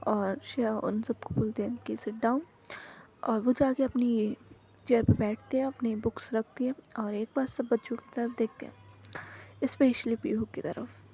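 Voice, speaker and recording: A woman narrating a romance story in a relaxed, chatty way, stopping to correct herself now and then. Her voice is mellow and a bit husky, set slightly high for a woman. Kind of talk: casual spoken story narration.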